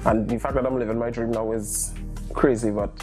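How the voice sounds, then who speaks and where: A man's voice: medium pitch, fairly even intonation, brisk. Man talking casually over music. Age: young adult. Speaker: singer-songwriter being profiled. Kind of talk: casual interview talk to camera. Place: indoor living room. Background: music bed.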